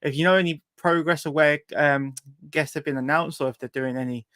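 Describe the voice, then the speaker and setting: A man's voice: a little high, steady tone, fairly quick, fairly bright tone, dry recording, clean studio sound. A man with a British accent casually hosting a livestreamed talk show.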